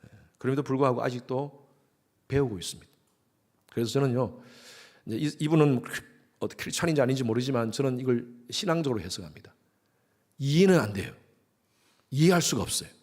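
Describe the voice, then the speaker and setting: A man in his sixties preaching a sermon in church, lively and acting out quarreling couples. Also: medium pitch, fast, long pauses. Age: 60s. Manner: lively, acts out quarreling couples in quoted lines. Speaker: pastor.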